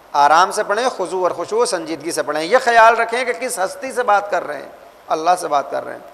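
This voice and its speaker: High-voiced man teaching in a hall. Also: a bit bright. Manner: storytelling, acts out voices in anecdotes. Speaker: religious teacher. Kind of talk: religious class for young people.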